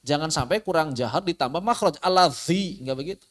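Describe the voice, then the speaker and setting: A man teaching tajwid in an online class, explaining pronunciation patiently and demonstrating it with slow, drawn-out recitation and repeated syllables. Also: on the high side, animated. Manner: patient, repeats sounds and syllables many times. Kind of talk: online Quran recitation lesson.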